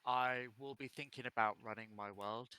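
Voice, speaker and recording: A man running a tabletop game as dungeon master on a live stream, narrating deliberately and often correcting himself as he goes. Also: mid-range voice, steady tone, bright, forceful tone, smooth. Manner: slow, deliberate narration with restarts and self-corrections.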